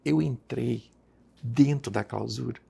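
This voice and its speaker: A man's voice: medium pitch, slow, gravelly, warm tone, breathy edge. A Brazilian man with a Brazilian Portuguese accent, telling a devout personal story as a guest in a podcast conversation.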